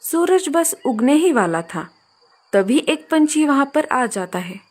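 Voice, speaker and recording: A woman with a slightly high voice narrates a scripted children's cartoon tale. She tells it slowly in a sing-song manner.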